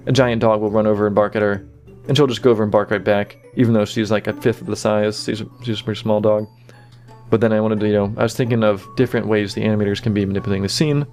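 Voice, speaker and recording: A man with a lowish voice offers relaxed, behind-the-scenes commentary on an animation he made himself, sprinkling in fillers like "you know" and "kinda."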